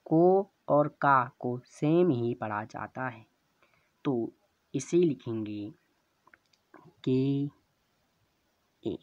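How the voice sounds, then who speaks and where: Man teaching letters super slow, spells each sound out, dull lo-fi audio. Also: mid-range voice, expressive, dry recording. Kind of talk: slow classroom explanation.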